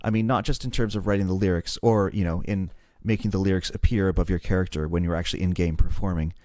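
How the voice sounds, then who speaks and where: Low-voiced man explaining songwriting. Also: a little mellow, no room sound, clean studio sound. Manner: explanatory, self-deprecating. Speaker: podcast co-host. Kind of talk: casual podcast chat.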